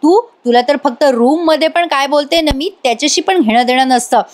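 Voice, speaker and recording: A woman's voice: high voice, brisk, lightly acted. A woman voicing a scornful young wife. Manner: taunting, scolding.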